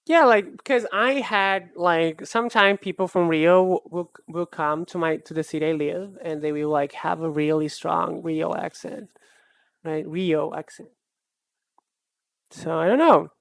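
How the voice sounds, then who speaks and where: The voice is medium-pitched, unhurried and gravelly, recorded with no room sound. It belongs to a Brazilian art streamer with a Brazilian accent and Portuguese as a first language, who chats casually with a live chat in a musing, hesitant way, often restarting sentences.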